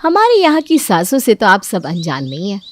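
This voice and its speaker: A woman reading a cartoon story's narration in an even, measured way. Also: mid-range voice.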